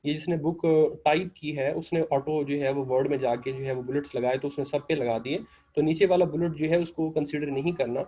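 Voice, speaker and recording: Mellow-voiced Pakistani teacher lecturing. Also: male voice, on the high side, fairly even intonation, brisk, muffled recording. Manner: explanatory, code-switches into English, frequent filler phrases. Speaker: English teacher. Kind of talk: online lecture.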